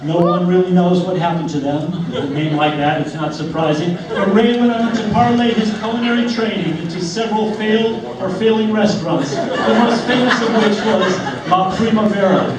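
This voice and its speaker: A man delivers a tongue-in-cheek eulogy as a speech, telling tall stories with mock solemnity. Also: high voice. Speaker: speaker giving a comic eulogy. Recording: echoey, noisy room, distant mic.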